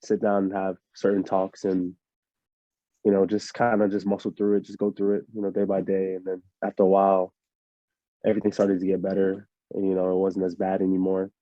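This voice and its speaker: A relaxed young man answers interview questions in a low, very dark and flat voice, rambling with plenty of fillers. The sound is dry and a little muffled, with no room around it. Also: brisk, no room sound. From Miami, USA. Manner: laid-back, rambling with many fillers. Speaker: interview guest, fighter. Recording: muffled lo-fi audio.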